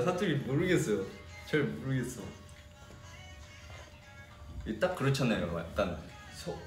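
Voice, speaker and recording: A young man from Korea's Jeolla region, chatting casually with fans on a livestream and answering their comments. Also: medium pitch. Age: young adult. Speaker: idol singer hosting a fan livestream. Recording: echoey room, distant mic.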